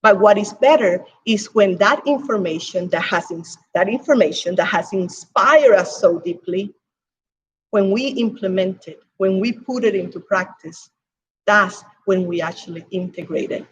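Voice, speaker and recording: A woman from Cuba preaching a sermon as pastor, with emphatic swells and hushed drops. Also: mid-range voice, moderate pace, breathy edge, highs cut off.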